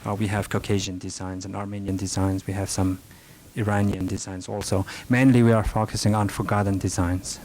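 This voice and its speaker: In this archival recording with faint background hiss, a middle-aged man from northern Afghanistan, a rug merchant, responds to audience questions at a library meeting room presentation. His Afghan-accented English is halting and soft-spoken, full of restarts and fillers. His voice sits low with little pitch movement.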